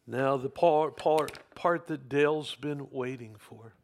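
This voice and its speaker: A man's voice: medium pitch, slow pace, a little hiss or hum. A man preaching a sermon, telling a story and putting emphatic questions to his congregation. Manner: talks with the congregation. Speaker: pastor.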